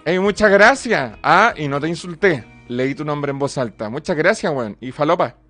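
A man's voice: fairly high pitch, expressive, moderate pace, fairly bright tone, soft background music. A young Chilean man streaming live, chatting with his viewers, swearing freely and joking as he reads out donations. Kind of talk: casual live-stream chat.

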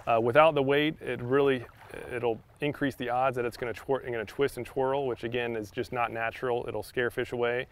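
A young man giving a casual fishing tutorial outdoors on a beach, talking in a relaxed way with many fillers and repeated words. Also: mid-range voice, fairly quick, slight background noise. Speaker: fishing instructor. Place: sandy shoreline outdoors by open water.

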